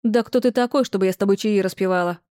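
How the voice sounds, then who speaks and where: A woman's voice: mid-range voice, quick pace, mellow, no room sound, studio quality, natural voice. A woman voicing a stern, domineering grandmother who scolds harshly. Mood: angry.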